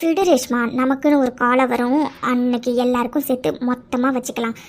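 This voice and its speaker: A woman voicing a sly, bossy middle-aged aunt in a cartoon, in a low scolding tone. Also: steady tone, fairly quick, a little hiss or hum, natural voice. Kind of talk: cartoon dubbing.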